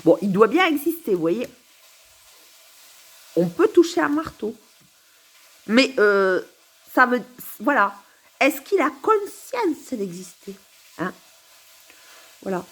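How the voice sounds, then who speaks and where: A woman's voice: a little high, big pitch swings, takes it slowly, pauses often, husky. A woman recording a rambling, philosophical monologue to camera at home, musing, giggling and repeating herself. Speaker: vlogger.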